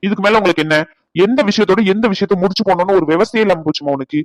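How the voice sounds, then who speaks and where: A man plays an indignant cartoon son defending his wife, his lines racing out at a very fast clip. The voice sits fairly high for a man and is recorded dry and close. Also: no room sound, lightly acted, rough recording. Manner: indignant, rapid arguing. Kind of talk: cartoon family-drama voice acting.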